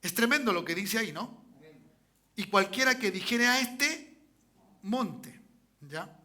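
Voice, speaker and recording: A man's voice: sits high, lively intonation, takes it slowly, pushed and bright. A male pastor preaching a sermon in a church, repeatedly checking in with "¿cierto?" and calling for amens. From Chile. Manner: repetitive, peppers lines with "¿cierto?" and "¿ya?"; calls for amens from the congregation.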